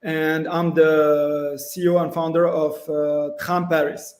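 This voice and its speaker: Moroccan-born gallery founder, higher monotone voice, roomy echo. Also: male voice, a little slow. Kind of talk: conversational self-introduction. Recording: echoey room.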